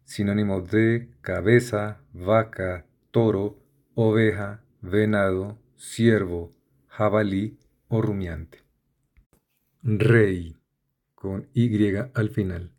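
A man's voice: on the low side, steady tone, very slow, darkish tone. A man reading dictionary entries aloud, spelling out letters and listing synonyms in a methodical way. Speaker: vocabulary reader. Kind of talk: slow, deliberate dictionary reading.

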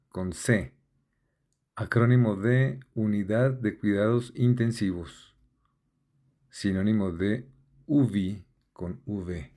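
A man with a low, dark, mellow voice reads through a word list at a very slow, deliberate pace. He spells out each letter and accent mark carefully, like a dictionary being read aloud. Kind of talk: slow dictionary-style reading.

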